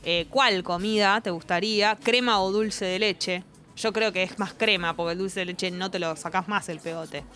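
A woman with a Rioplatense Spanish accent co-hosts a relaxed podcast chat, blunt and joking. She speaks at an everyday middle pitch, and faint music plays behind her. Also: moderate pace. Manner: joking and blunt, asks listeners to write in. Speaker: co-host.

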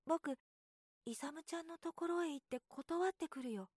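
A woman voicing an eager, worried young boy in a soft, hushed voice while reading a storybook aloud. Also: unhurried, dry recording, studio quality. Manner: soft, raised pitch, hushed.

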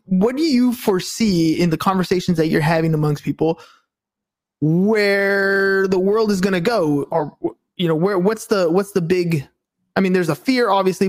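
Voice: medium pitch, a little mellow. A speaker in a casual debate who talks hesitantly, asking questions and often restarting sentences. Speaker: conversation partner.

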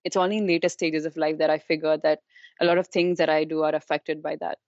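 A woman's voice: sits low, little pitch movement, quick pace, a little mellow. A young woman from Kashmir with a Kashmiri Indian accent, chatting informally as an interview guest and peppering her talk with "like" and "you know". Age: young adult. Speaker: interview guest, university student. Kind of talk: casual conversational interview. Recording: dull, roomy, echoey sound.

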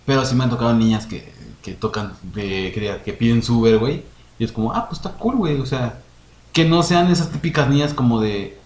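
A young man with a Mexican Spanish accent, chatting casually as a podcast co-host, telling animated stories full of slang and acted-out quotes. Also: medium pitch, brisk. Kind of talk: casual chat. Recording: roomy echo, faint noise.

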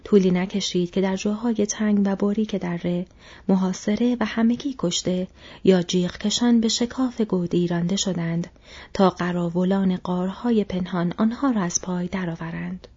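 A woman reading an audiobook in hushed, half-whispered narration, in a dull lo-fi recording. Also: medium pitch, steady tone, husky. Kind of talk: scripted narration.

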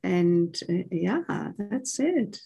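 A woman with a German accent, a podcast guest speaking in a slow, soothing, meditative way. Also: fairly low pitch, big pitch swings, gravelly, dark tone, breathy edge, low-quality recording. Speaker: guest, tantra teacher. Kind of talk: podcast interview.

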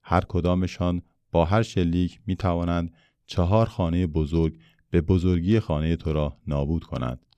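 A blunt, proud factory foreman from a storybook, calling out over the din, as a man puts him on in a reading. The voice is low and dark, with a smooth, resonant tone. It sounds dry and close. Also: fairly even intonation, no room sound. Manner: shouting over noise, blunt.

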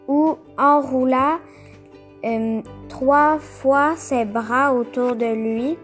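Woman reading a kids picture book out loud, super slow, a bit high, faint music under it. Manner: slow, careful, explains the pictures. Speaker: storyteller. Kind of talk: reading a children's book aloud.

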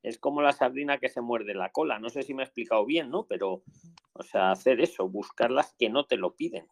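A man with a gravelly Spain Spanish accent hosts a live call-in Q&A. He gives advice at a fast, chatty pace and repeats key phrases for emphasis. His voice sits in a middle pitch. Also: lively intonation. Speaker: asylum advice host.

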